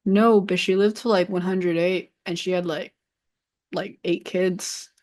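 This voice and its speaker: Speaking at a measured pace in a lowish, steady, slightly mellow voice, a twenty-something woman from the San Francisco Bay Area chats in a casual interview as a streamer guest. Cantonese is her first language, and she's hesitant, full of "like" and unfinished thoughts.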